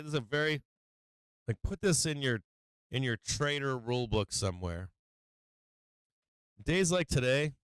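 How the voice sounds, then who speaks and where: A stock market livestream host gives casual trading commentary in a loose, profane style, full of fillers and frequent laughter. His mid-range, slightly bright voice is strikingly clear and smooth, though he's been losing it this week. The sound is dry and close with no room around it.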